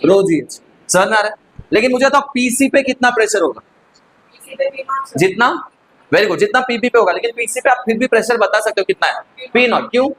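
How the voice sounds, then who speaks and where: A man's voice: high-pitched, lively intonation, fairly quick, fairly bright tone, a little hiss or hum, low-quality recording. A male physics teacher giving a classroom lecture, constantly asking the students questions and answering them himself, with English terms mixed into his explanation.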